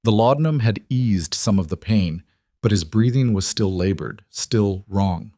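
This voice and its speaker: A male narrator reads a scripted story in a low, measured voice. The delivery is even, and the recording is dry and close. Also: dry recording.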